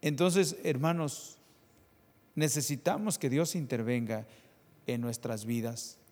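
Spanish-speaking preacher in an echoing hall. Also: male voice, mid-range voice, slow. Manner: asks the congregation rhetorical questions, swings between soft and loud. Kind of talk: sermon. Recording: long reverb of a hall.

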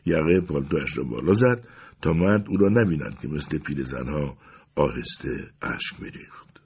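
A man narrating a story for an audiobook with expressive storytelling. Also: a bass voice, gravelly.

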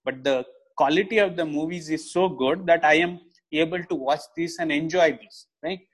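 A man's voice: fairly high pitch, normal speed. A man with a Marathi Indian English accent, arguing a point in a casual debate and often checking with tag questions. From Maharashtra, India.

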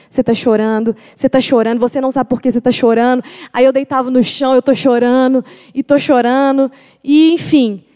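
A woman's voice: sits high, dark tone. A young woman gives a personal faith testimony. She is emphatic and confessional and repeats phrases for weight. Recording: long hall reverb.

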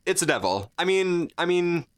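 A man's voice: sits high, sing-song, normal speed. A man co-hosting a podcast, chatting casually in a rambling, jokey way full of fillers and restarts. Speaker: podcast co-host. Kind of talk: casual chat.

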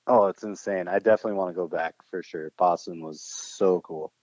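A man's voice: deep voice, steady tone, fairly quick, darkish tone, breathy edge, no room sound. A young man hosting a podcast in casual chat, laid-back and slangy, laughing often. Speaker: podcast host. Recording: muffled dull sound.

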